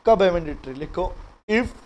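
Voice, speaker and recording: A middle-aged man with an Indian English accent teaching a live law class, dictating notes slowly in mixed Hindi and English and calling on students by name. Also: high voice, expressive, darkish tone. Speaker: law lecturer.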